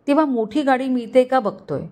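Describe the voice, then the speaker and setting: A woman reading the part of a kindly older father in a storybook tale, talking in a warm, reassuring way and sitting a little high in pitch. The voice stays close to the narrator's own, with only a light touch of character. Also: fairly quick, natural voice.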